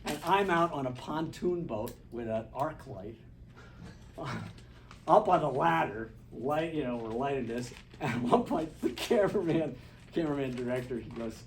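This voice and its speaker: A man's voice: medium pitch, expressive, normal speed. Chatty man teaching lighting, echoey room. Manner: chatty, loose storyteller with restarts and asides. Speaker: film lighting instructor. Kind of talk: hands-on workshop demonstration. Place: studio classroom with a group. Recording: echoey room, distant, noisy ambience.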